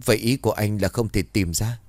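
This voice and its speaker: A man's voice: on the low side, fairly even intonation, brisk, darkish tone, dry recording, close to an everyday voice. A man voicing a grief-stricken old mother who wails and stammers. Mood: frightened. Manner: wailing, stammering.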